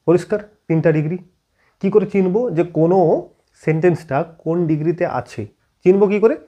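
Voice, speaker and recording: A man from teaching an English grammar lesson, constantly checking whether students follow with quick questions. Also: sits high, muffled recording. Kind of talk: classroom-style video lesson.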